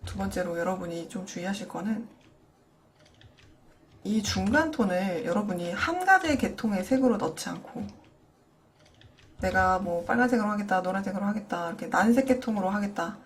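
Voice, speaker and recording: A young adult woman narrates a screen-recorded drawing tutorial and explains color techniques step by step. Her voice sits at an ordinary middle pitch and stays patient as she speaks straight to her viewers. A faint hiss runs under the recording. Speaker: digital painting instructor.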